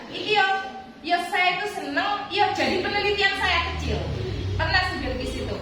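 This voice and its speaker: Her voice sits high, and the background is noisy, as this East Javanese-accented woman addresses students as their religious teacher. The lesson is informal, built around a personal story, with rhetorical questions she answers herself, captured at a distance in an echoey room.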